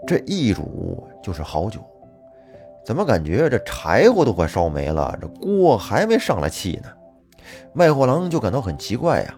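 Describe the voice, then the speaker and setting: A man telling a folk tale in a lively, colloquial manner with plenty of fillers. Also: lowish voice, normal speed. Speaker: storyteller. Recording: faint music behind.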